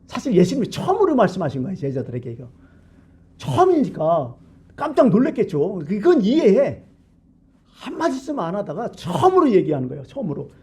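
A middle-aged male pastor delivers a conversational sermon in a church. His voice is fairly high for a man but very dark and husky. He swings his pitch widely, asking the congregation questions and acting out quoted lines. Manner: conversational preaching with rhetorical questions and acted-out quotes. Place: church sanctuary.

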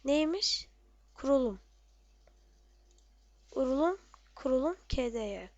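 A woman giving casual, excitable commentary on her own gameplay, muttering to herself and shouting at enemies. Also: high-pitched, takes it slowly, no echo, highs cut off.

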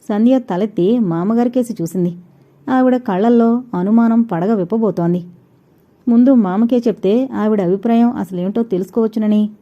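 A woman narrating an audio novel in a steady storytelling manner. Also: mid-range voice, dull audio. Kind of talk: scripted narration.

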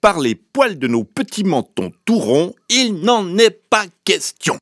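Stubborn little pigs. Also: male voice, sing-song, unhurried, fairly bright tone, no echo, studio quality, exaggerated voice. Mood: defiant. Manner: squeaky, high and defiant. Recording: music playing underneath.

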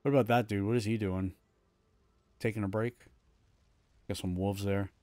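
Streaming from home, a man in his thirties keeps up casual, self-deprecating gameplay chatter, restarting frequently. His slightly mellow voice sits on the low side with fairly even intonation and normal speed, and there's no room sound.

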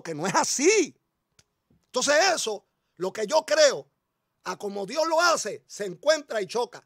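A middle-aged Puerto Rican pastor preaching an animated, story-filled sermon to his congregation. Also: extremely high pitch, creaky, husky, dry recording, clean studio sound.

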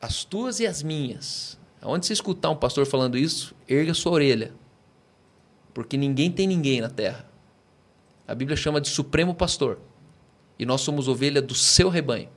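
A pastor with a Brazilian Portuguese accent, appearing as a podcast guest, explains his views in a conversational preaching style punctuated by emphatic rhetorical questions. His voice is medium-pitched at normal speed, with long pauses.

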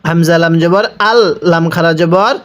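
With a little high voice at normal speed, a man leads a slow, spelled-out Quran recitation lesson. His accent is Bangladeshi Bengali, and he patiently goes through letters and vowels before drawing out every word for the listener to repeat.

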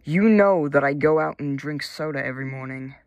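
A man's voice: on the high side, brisk, no room sound, close to an everyday voice. A man doing a bossy yard manager. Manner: barking orders, threatening.

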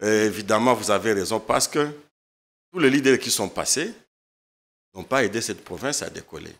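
A lawyer in his thirties from eastern Congo appears as a guest in a studio political interview, emphatic and impassioned, often repeating words. His lowish voice is expressive and a bit bright at a moderate pace, picked up by a desk microphone.

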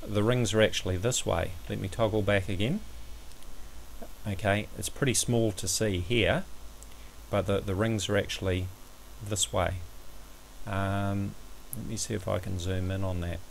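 A man giving a measured, somewhat hesitant step-by-step explanatory commentary over a screen recording, as an amateur astronomy presenter. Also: lowish voice, steady tone, vocal fry, a little hiss or hum, low-quality recording.

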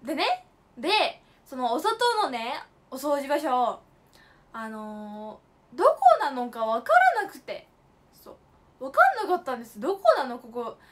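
A woman's voice: sits high, very animated, unhurried. A young woman in her late teens hosting a casual livestream, telling stories with playful, emphatic asides and mixing polite speech with slang. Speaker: idol livestream host.

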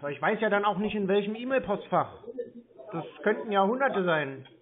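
A man's voice: high voice, lively intonation, moderate pace, a crowd in the background. A man stringing along a scam caller on the phone, playing dumb, stalling and teasing. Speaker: scam-baiting call recipient. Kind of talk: prank phone call. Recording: tinny phone line.

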